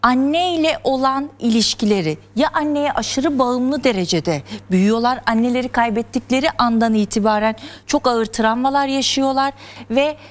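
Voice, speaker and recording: A woman's voice: fairly high pitch, normal speed. A woman explaining psychology terms step by step as a guest on a television talk show. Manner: earnest, lecturing, explains step by step. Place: television studio.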